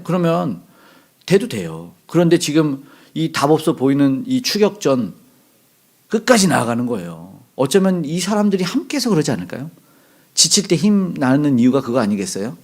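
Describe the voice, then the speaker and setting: A middle-aged male pastor giving a conversational sermon, asking the congregation questions and acting out quoted lines with sudden loud bursts. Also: mid-range voice.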